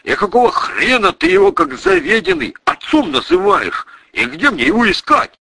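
A man voicing a gruff, burly former bandit who talks crude slang. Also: very high-pitched, wildly swooping pitch, normal speed, no room sound, voice pushed up, full character voice. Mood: rough. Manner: rough slangy shouting.

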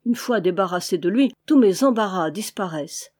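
A woman's voice: medium pitch, expressive, moderate pace, a little mellow, natural voice. A woman voicing a scheming male manor lord who bargains and pleads with his servants in a heated, desperate way.

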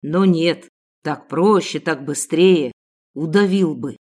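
A woman voicing a rough, menacing male kidnapper who growls his threats. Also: low voice, takes it slowly, a little mellow, pitched below the performer's own voice.

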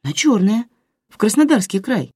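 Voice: medium pitch, big pitch swings, normal speed, mellow, slightly rough, no room sound, clean studio sound, pitched above the performer's own voice. An audiobook reader voicing a confident young woman volunteer who speaks matter-of-factly.

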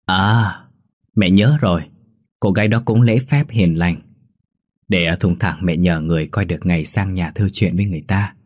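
A man voicing a gentle middle-aged mother, calm and motherly, in a low husky voice. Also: normal speed, no echo.

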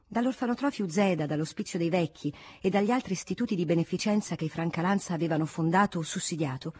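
A woman narrating a literary audiobook with a measured, expressive reading. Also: on the low side, a little hiss or hum. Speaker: audiobook reader.

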